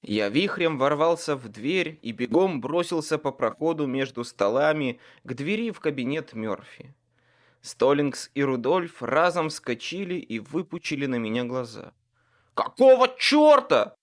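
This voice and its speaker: A man reading a first-person audiobook in an expressive, dramatic way. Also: mid-range voice, moderate pace. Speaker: audiobook narrator.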